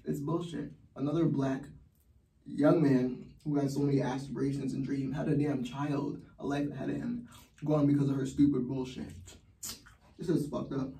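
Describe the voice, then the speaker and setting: A man's voice: mid-range voice, steady tone, normal speed, creaky, warm tone, distant mic. A man giving heated, blunt personal commentary as a vlogger, swearing often. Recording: roomy echo, from the mic.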